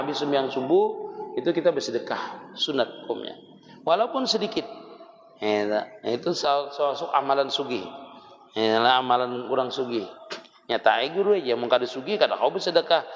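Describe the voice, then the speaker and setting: A man with a Banjar Malay accent gives a casual religious lesson, explaining in a folksy, conversational way with frequent chuckles. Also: mid-range voice. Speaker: religious teacher. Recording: dull lo-fi recording in a reverberant hall.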